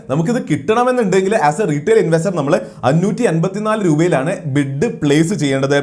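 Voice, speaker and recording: Fast-talking man, finance host. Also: high voice, a little mellow. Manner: brisk, mixes English terms into Malayalam. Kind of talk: IPO review explainer.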